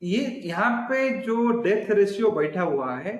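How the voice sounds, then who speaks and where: A man's voice: sits high, big pitch swings, unhurried, echoey room, poor audio. A man giving a recorded online trading lesson, explaining step by step and often restating his points. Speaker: trading instructor.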